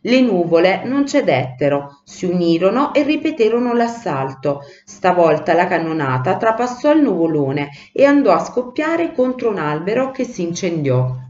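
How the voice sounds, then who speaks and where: A woman teacher reading a children's storybook aloud in an animated way, in a roomy, lo-fi recording. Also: fairly low pitch, moderate pace, few pauses. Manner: animated, acts out the voices. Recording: roomy, dull lo-fi sound.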